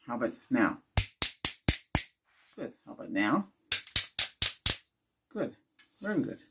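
Over loud music, an older man speaks slowly in a sing-song, medium-pitched voice. He's doing an ASMR doctor roleplay in a small indoor room with a cloth backdrop, issuing short instructions and brief questions as in an exam.

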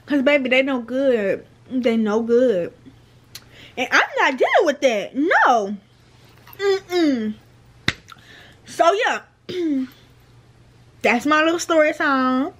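Chatty high-voiced young woman vlogger. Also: big pitch swings, slow, pauses often. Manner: chatty, slangy, repeats phrases. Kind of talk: casual storytime.

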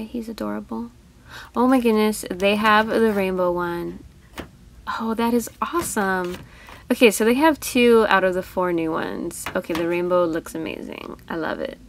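Casual female toy vlogger, easily delighted, a little fry in the voice, store noise faint. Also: mid-range voice. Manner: chatty, easily delighted, gushing over toys. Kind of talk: casual toy-hunt commentary.

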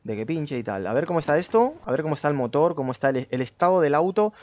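A man streaming a survival game who yells at his character in panic, then drops into muttered play-by-play commentary. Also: on the high side, expressive, fast, no echo. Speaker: gaming streamer. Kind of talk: excitable let's-play commentary. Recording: slightly dull lo-fi sound.

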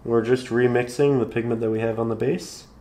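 A man calmly guiding viewers through a step-by-step painting tutorial, slightly hoarse, in an unhurried, encouraging way. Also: mid-range voice. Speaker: painting instructor.

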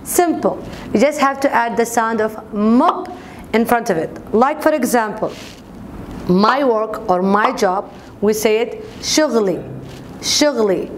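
A woman's voice: on the high side, unhurried, a little hiss or hum. A young woman teaching an informal language lesson to camera, explaining and repeating example words. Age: young adult. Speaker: language teacher and video host. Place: bright indoor office classroom.

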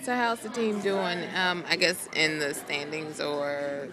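A woman's voice: sits low, fairly even intonation, takes it slowly, a crowd in the background, low-quality recording. A young woman reporter chatting casually, stretching words for emphasis, filmed in a car on a phone at arm's length. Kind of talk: casual chat. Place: inside a car.

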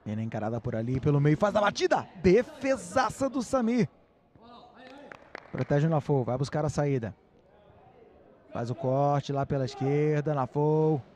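A man's voice: medium pitch, moderate pace, a little mellow. A Brazilian man working as a sports commentator, calling live play-by-play in short, clipped phrases.

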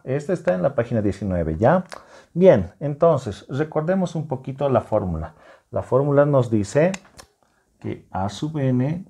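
A male math teacher with a mellow, warm tone walks secondary students through a lesson at the board. He is patient and encouraging, breaking each step down and keeping the class with him through frequent check-in questions. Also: mid-range voice, husky. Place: classroom whiteboard.

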